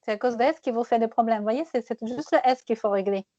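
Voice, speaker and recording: A woman teaching French pronunciation one-on-one, patiently repeating words slowly and laughing often. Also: on the high side, mellow, dry recording, lo-fi sound.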